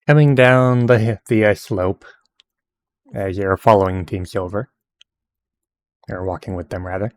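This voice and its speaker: A man's voice: lowish voice, steady tone, unhurried, pauses often, no echo, clean studio sound. A man narrating a tabletop game as game master, in a laid-back way with chuckles.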